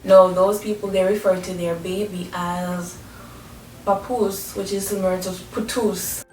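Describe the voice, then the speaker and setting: A woman's voice: fairly even intonation, unhurried, loud music behind the voice. A woman from Jamaica with a Jamaican accent, giving an explanatory educational talk as a presenter. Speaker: presenter explaining language and culture. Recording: roomy echo, distant mic, faint rumbling noise.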